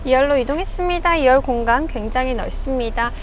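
High-pitched woman presenting a used car. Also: fairly quick, slight background noise. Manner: polite, orderly inspection patter. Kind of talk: scripted car walkaround sales narration. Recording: music behind the voice. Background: background music.

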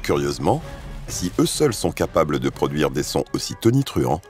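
Deep-voiced man narrating a nature documentary. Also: big pitch swings, moderate pace, a little mellow, soft background music.

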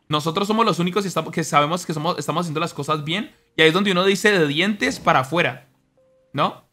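A young man streaming, talking earnestly to his chat in an animated, preachy way. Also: fairly high pitch. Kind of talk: casual monologue to stream chat. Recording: faint music behind.

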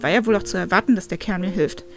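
A woman's voice: mid-range voice, quick pace, faint music behind, pitched below the performer's own voice, natural voice. A woman voicing a proud, huffy she-wolf. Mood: cheeky. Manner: huffy and proud, then pleading. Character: sassy hungry young female wolf.

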